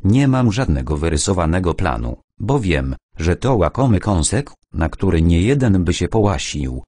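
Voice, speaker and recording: A man reading an audiobook, voicing a fussy, excitable older gentleman who turns jovial. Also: low-pitched, moderate pace, no room sound, clean studio sound. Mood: indignant. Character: nervous, cheerful older man, treasure seeker. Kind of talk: audiobook character voice.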